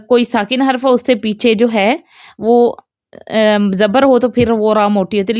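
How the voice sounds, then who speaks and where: A woman teaching a recitation lesson who explains step by step, checks understanding often, and slowly chants the example words. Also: fairly high pitch, dry recording, clean studio sound. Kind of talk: tajweed lesson in Urdu.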